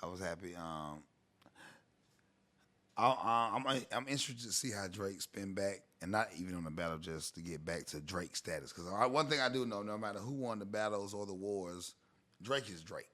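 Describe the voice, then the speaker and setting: A man's voice: low voice, animated, moderate pace, bright, forceful tone. Teasing man hosting a casual chat. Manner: teasing, playfully pushy questioner.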